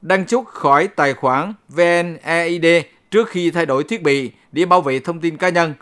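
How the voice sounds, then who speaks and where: A man reading a scripted public-information bulletin as a local radio announcer, in a formal, measured manner. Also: a little high, fairly bright tone. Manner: formal, measured read-aloud delivery.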